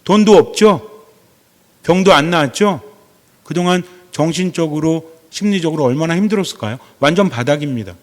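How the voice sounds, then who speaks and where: Priest preaching, rising pitch, hall echo. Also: male voice, normal speed. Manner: asks the audience many questions, acts out everyday quotes. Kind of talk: lecture-style sermon.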